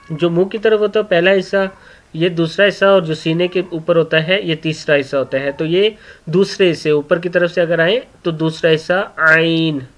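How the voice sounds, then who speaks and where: A man teaching children to read sounds letter by letter, repeating each one several times and often clearing his throat. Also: sits high, steady tone, normal speed. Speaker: Quran reading teacher. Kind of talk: slow letter-by-letter lesson for children. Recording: dull lo-fi recording.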